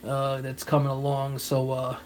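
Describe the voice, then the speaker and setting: A man's voice: mid-range voice, monotone, normal speed, slight background noise. New York man rambling in a vlog. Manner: rambling, repeats himself, thanks viewers by name. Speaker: comic book collector vlogger. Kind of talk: casual vlog chat to viewers.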